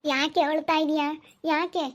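A woman's voice: sits high, flat delivery, unhurried, slight background noise. A woman playing a chatty village mother who gossips and lectures. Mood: gossiping. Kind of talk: village family drama acting.

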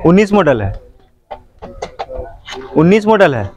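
In an unhurried, sing-song, high-pitched voice with a slightly mellow quality, a man calls bids over and over at an open-air motorbike auction. He chants prices amid a lot full of parked bikes.

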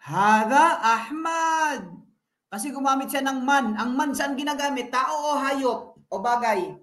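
A woman from the Philippines teaching her children at home, patiently quizzing them and drilling words slowly. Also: high-pitched, a bit bright. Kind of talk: home language lesson. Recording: echoey room.

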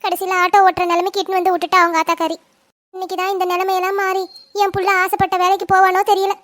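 A woman's voice: very high-pitched, level tone, racing, a bit bright, dry recording, studio quality. A woman voicing a worried, fretful middle-aged mother in a cartoon family drama. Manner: fretful, complaining.

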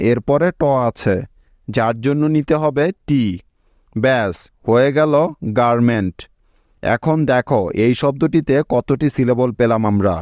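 A man teaching English spelling step by step, explaining each letter and syllable in a slow, patient voice-over. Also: mid-range voice, a little mellow, no echo, studio quality. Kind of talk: spelling lesson narration.

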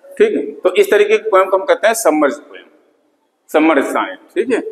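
Lecturer in a reverberant classroom. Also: male voice, sits high, big pitch swings, fairly quick. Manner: repeats key terms, frequent "theek hai" checks. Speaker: English literature lecturer. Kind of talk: classroom lecture mixing Hindi and English. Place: classroom with board.

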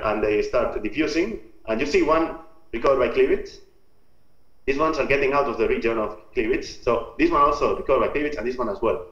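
A man from Spain's Basque Country with a Basque Spanish accent, giving an informal scientific lecture in a halting, step-by-step explanatory way. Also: lowish voice. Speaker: researcher presenting own work. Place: remote talk over video call. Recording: muffled, roomy video-call audio.

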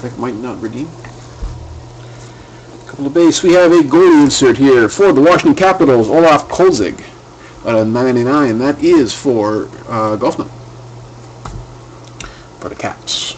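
A man's voice: medium pitch, lively intonation, measured pace, pauses often, a little mellow, a little hiss or hum, low-quality recording. A man hosting a live card break at his home desk, talking casually and rambling with fillers and restarts.

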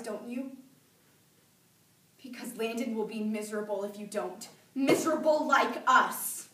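A young woman performs a grieving teenage girl in a tragic stage monologue. Her high voice pleads with sorrow. It is recorded from a distance in an echoey room. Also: a bit bright, slight background noise. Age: young adult. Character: grieving teenage girl pleading with God over dead brother. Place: medium-sized school classroom, indoors. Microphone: camera several metres away.

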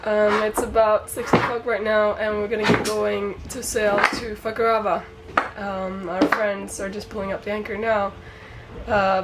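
A woman talking casually to camera for her sailing vlog, still sick, with a croaky morning voice and a hesitant, umming way of speaking. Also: medium pitch, heavy background noise. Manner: hesitant, lots of ums. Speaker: sailing vlogger.

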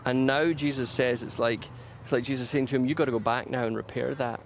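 A man's voice: mid-range voice, fairly even intonation, brisk, vocal fry, slight background noise. A man in an ordinary mid-range voice preaches a sermon with earnest emphasis. He leans into repeated phrases and restarts sentences as he builds his point. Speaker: pastor. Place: church.

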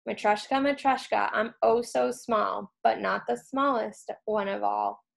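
A woman's voice: a little high, fairly even intonation, a little slow, vocal fry. Woman doing a tiny chanting nesting doll. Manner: sing-song chant.

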